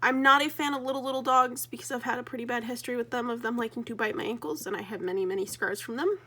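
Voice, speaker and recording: A woman's voice: a little high, fairly even intonation, quick pace, sharp tone, slight background noise. A young adult woman from Colorado chatting casually while she crafts, hesitant and self-conscious, with many ums. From Colorado, USA. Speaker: crafting vlogger.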